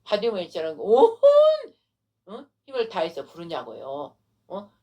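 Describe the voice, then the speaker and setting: A woman pastor preaching a sermon, retelling a story with animated delivery and frequent rhetorical questions. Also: fairly low pitch, fairly quick.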